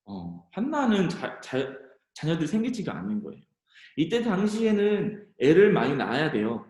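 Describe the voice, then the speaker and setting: A male youth pastor retells a Bible story to teenagers, his pitch leaping around lively as he speaks to them directly. His voice sits a little high for a man and rings through a roomy church hall. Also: normal speed, creaky. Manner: animated storytelling, addressing teens directly. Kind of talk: youth sermon.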